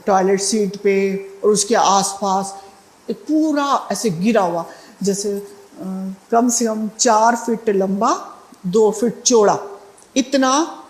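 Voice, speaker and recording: A woman's voice: medium pitch, a little mellow, roomy sound. A middle-aged woman sharing a devotional testimony in a conversational way, with fillers and restarts. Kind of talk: spoken satsang testimony.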